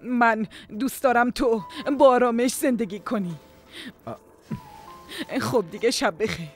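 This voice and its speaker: A woman's voice: fairly high pitch, close to an everyday voice. A woman dubbing a middle-aged mother who is hurt but dignified, in a drama series with music behind. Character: older mother, hurt and proud.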